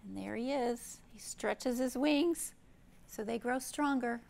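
Speaking slowly at a fairly high pitch, this middle-aged American librarian has a gravelly, darkish voice. She reads and explains expressively in simple terms to young children at a storytime read-aloud and show-and-tell held in an indoor library room.

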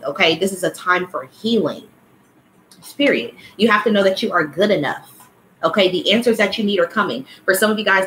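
A woman's voice: on the low side, fairly bright tone, a little hiss or hum, poor audio. A woman giving a casual, blunt livestream oracle card reading who swears freely and calls her listeners child and y'all. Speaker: spiritual card reader.

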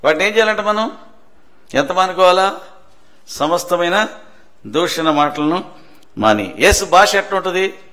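Guy preaching, pretty high voice, keeps asking questions then answering them, repeats stuff for punch. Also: expressive, measured pace, pauses often, bright, forceful tone. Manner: asks rhetorical questions and answers them himself; emphatic, repeats key phrases for stress. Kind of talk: sermon. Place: church prayer hall.

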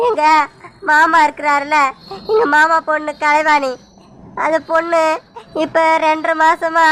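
A woman's voice: high voice, sharp tone, slight background noise, exaggerated voice. A woman with a Tamil accent voicing a desperate young man in a cartoon, pleading tearfully.

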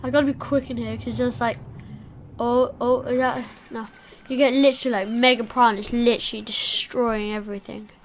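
A woman's voice: a little high, steady tone, normal speed, slight background noise. A woman giving casual gameplay commentary, chatting to the creatures in her game. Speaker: gamer.

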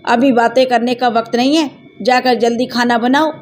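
A woman's voice: a little high, steady tone, normal speed, natural voice. A woman voicing a brusque young village man who scolds but cares. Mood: gruff.

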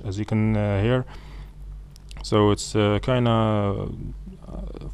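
Fairly low-pitched and a little mellow, the voice belongs to a man whose first language is Arabic. He talks through code in a screen-recorded tutorial on programming, stopping and starting with frequent fillers and correcting himself often.

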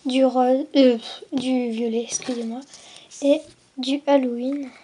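Showing off a box of craft supplies item by item for a casual unboxing vlog, a young woman speaks slowly in a high-pitched, steady, dark voice with a breathy edge. She's hesitant, correcting herself and using fillers often, and frequently trails off into a near whisper.

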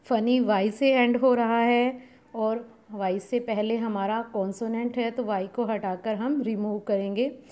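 A woman, patiently explaining a grammar lesson step by step and reading example sentences slowly. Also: on the high side, steady tone, dark tone. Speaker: English teacher.

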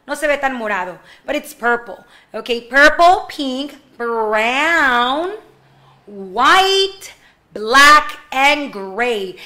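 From a room at home in front of a slide screen, a young kindergarten ESL teacher runs an online class for little kids, blending English and Spanish. She speaks in a high, bright voice, drawing words out slowly in her model phrases and tossing in playful asides.

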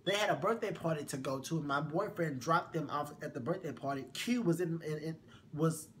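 A man's voice: a little high, fairly quick, a little hiss or hum. A man telling a story in a casual gossip chat, sassy and profane. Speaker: vlog co-host.

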